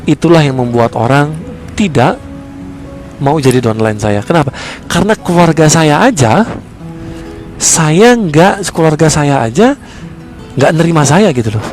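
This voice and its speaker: A man's voice: a little high, lively intonation, a little slow, pauses often, a little mellow, soft background music. A man speaking, giving a motivational sales-coaching talk. He is emphatic and keeps asking rhetorical questions and answering them himself.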